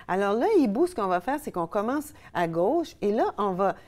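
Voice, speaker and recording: A woman's voice: mid-range voice, very animated, moderate pace, darkish tone. Québécois lady running laughter yoga on tv, bubbly, laughs big, ho ho ha ha chants, middle-aged. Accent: Québécois French. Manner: bubbly, breaks into hearty laughter, leads ho-ho-ha-ha chants. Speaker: laughter yoga instructor and host. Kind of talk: guided laughter exercises. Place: TV studio.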